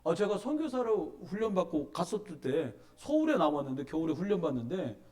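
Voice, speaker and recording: A middle-aged man preaching as a pastor in a church sanctuary, telling stories and urging his listeners with emphatic, animated delivery. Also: a little high, brisk. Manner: animated storytelling, emphatic exhortation. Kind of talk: sermon.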